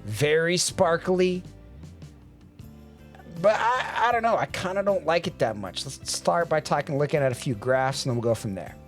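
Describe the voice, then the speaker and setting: A man talks through an earphone review in a relaxed, wry way, tripping over his words now and then. His voice sits a little on the high side, and faint music plays underneath. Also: normal speed. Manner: relaxed, wry, with frequent restarts. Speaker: audio gear reviewer. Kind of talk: casual product review.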